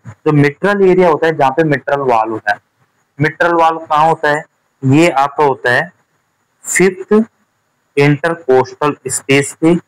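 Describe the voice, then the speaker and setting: A man teaching a nursing exam lesson, putting quick questions to his students and checking that they follow. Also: fairly high pitch, poor audio. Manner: repeats points as quick quiz questions to students; keeps checking with "theek hai" and "clear hua". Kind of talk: classroom-style lecture.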